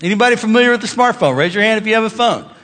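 Lively high-voiced pastor preaching. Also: male voice, rapid-fire. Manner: lively, conversational preaching with humor and rising emphasis. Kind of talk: sermon. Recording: reverberant hall.

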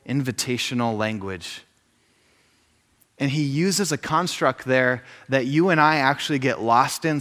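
A man in his thirties delivers an informal sermon with a bright, forceful tone. He tells stories full of jokes and asides. His voice rings with the long reverb of a large hall. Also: mid-range voice. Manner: joking, storytelling, lots of asides. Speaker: speaker at a faith gathering.

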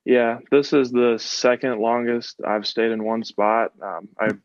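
A man in his twenties from the American West Coast, a football coach answering interview questions in a measured way, with many ums. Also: mid-range voice, fairly even intonation, no room sound. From West Coast of the United States. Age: 20s. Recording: slightly dull, lo-fi sound.

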